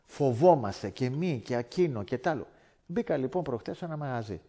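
A man from Greece giving a personal faith testimony as a guest speaker, animated and acting out conversations. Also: medium pitch. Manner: animated, acts out dialogue in voices.

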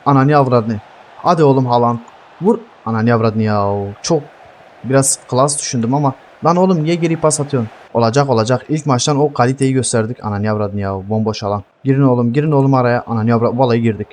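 A young gaming streamer delivers heated live commentary on his gameplay, swearing nonstop and yelling at teammates. He talks fast in a mid-range voice.

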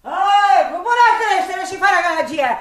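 An actress playing a prim, fussy innkeeper's wife in a radio drama, speaking shrilly and in a hurry. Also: female voice, very high voice, lively intonation, reverberant.

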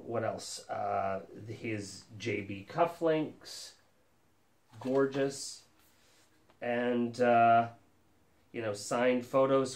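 Male vlogger, forties, mid-pitched, eager rambling host, recorded on a camera in a reverberant living room. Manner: enthusiastic, rambling with many fillers. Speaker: collector channel host. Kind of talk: casual show-and-tell vlog. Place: living room with a lit holiday tree, indoors.

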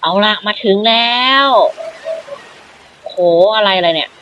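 A man hosting a gaming channel, giving playful, excitable commentary, role-playing dialogue and voicing his own jump sounds as he plays. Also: high-pitched, slow pace, muffled recording, a little hiss or hum.

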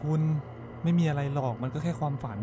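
A man plays a practical husband in a radio drama, caring yet quick to dismiss worries. His voice is a little higher than most men's, over clear music. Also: natural voice. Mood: reassuring.

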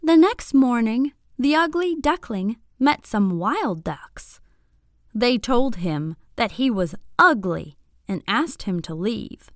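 In a clean studio with a dry sound, a fairly high-voiced woman narrates a bedtime story written for young children. She reads it expressively, deliberately and with crisp phrasing.

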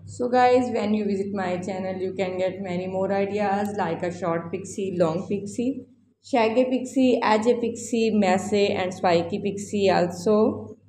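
A YouTube host does an effusive voice-over in a casual, scripted-sounding style, repeating phrases often. Her mid-range voice is warm and a little slow, with a roomy echo and faint background noise in the recording.

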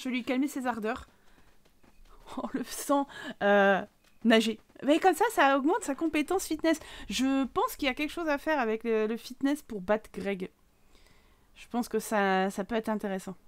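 A woman hosting a game let's play, chatting her way through the action and breaking into sudden excited cries. Her voice sits a touch on the high side. The sound is dry and close, with no room around it. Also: moderate pace, no room sound. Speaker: gaming YouTuber.

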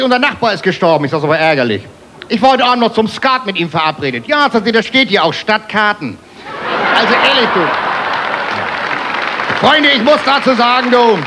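High-voiced man firing off stage jokes. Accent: Hamburg. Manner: punchy one-liners, keeps calling the crowd "Freunde" and "du". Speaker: stand-up comedian. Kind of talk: rapid-fire joke stand-up. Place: live stage before a laughing audience. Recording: TV show stage recording with crowd noise.

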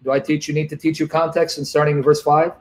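A man's voice: a little high, flat delivery, fast talker, slight background noise, rough recording. A man hosting a heated call-in debate, impatient and domineering, repeating his questions and cutting in. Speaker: debate host.

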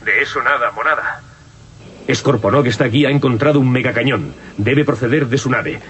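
A man's voice: medium pitch, a little fast, fairly bright tone, slight background noise, natural voice. A man voicing a cocky young robot cheetah hero, brash and wisecracking, with a Castilian Spanish accent in a cartoon dub. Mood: brash, urgent. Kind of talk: cartoon dubbing.

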